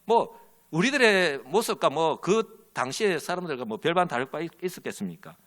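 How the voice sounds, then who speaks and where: A man's voice: a little high, animated, moderate pace, fairly bright tone. A man preaching a sermon as pastor, telling a story and leading the congregation in call and response. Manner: tells an illustrative story with quoted characters.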